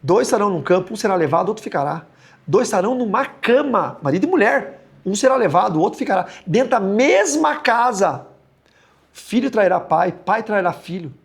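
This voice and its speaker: Animated, gravelly pastor. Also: male voice, brisk. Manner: animated, joking, jumps into high mocking tones. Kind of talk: humorous Bible study teaching.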